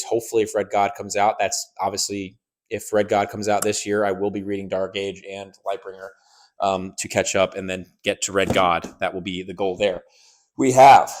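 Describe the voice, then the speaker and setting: A young man chats casually about the books he plans to read, rambling and correcting himself as he goes. His voice sits a little low, and his eagerness carries through the stumbles. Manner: rambling, self-correcting, enthusiastic. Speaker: book YouTuber. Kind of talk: casual reading-plans chat.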